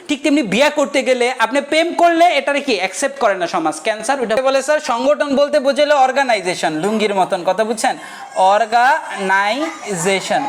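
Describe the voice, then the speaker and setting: A male economics teacher, giving a casual, joking lecture and often checking that the class follows. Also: very high-pitched. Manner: joking, keeps checking the class understands, asks rhetorical questions.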